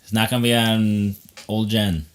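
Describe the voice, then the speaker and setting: A man's voice: on the low side, flat delivery, moderate pace. A man co-hosting a podcast, going over game news in enthusiastic, blunt casual chat with mild swearing. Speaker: podcast co-host.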